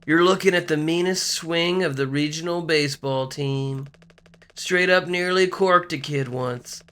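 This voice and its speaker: A man's voice: a little high, measured pace, a bit bright, smooth, pitched above the performer's own voice. A man voicing a cocky, mocking young male crewman who likes to brag. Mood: taunting. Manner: mocking, boastful.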